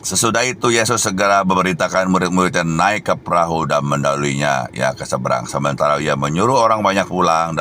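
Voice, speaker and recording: Very deep-voiced male preacher, emphatic. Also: bright, forceful tone, slight background noise. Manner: tags phrases with "ya", emphatic exhortations. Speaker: evangelist preacher. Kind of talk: sermon.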